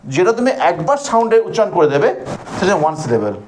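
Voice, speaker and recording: A high-pitched male teacher with a Bengali accent runs a grammar class. He calls students by name and asks them questions. He stretches words out to count their syllables, over a light background hiss. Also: big pitch swings, a little fast. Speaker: English teacher.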